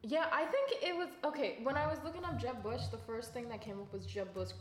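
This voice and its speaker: A woman's voice: fairly high pitch, lively intonation, fairly quick. Young female co-host, playful and giggly, casual banter, echoey room with light hiss. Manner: giggly, playful, drops to murmurs while searching. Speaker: podcast co-host. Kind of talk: casual chat.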